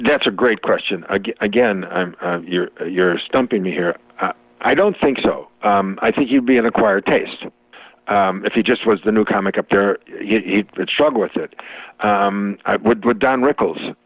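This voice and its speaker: A man with a lowish voice is the guest in a casual, conversational interview, speaking at a normal pace. He rambles with plenty of restarts and fillers, and the recording sounds tinny, phone-like and dry with no room sound.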